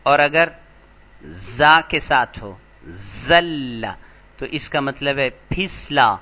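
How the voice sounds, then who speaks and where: A man teaching an Arabic grammar lesson, patient and slow, repeating each word for emphasis. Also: fairly high pitch, muffled recording. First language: Urdu. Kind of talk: lecture explaining vocabulary.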